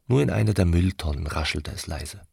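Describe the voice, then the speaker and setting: A man reading a novel aloud in calm, measured narration, close on a studio mic. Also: low-pitched, vocal fry, husky, no echo. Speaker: audiobook reader. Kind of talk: scripted narration.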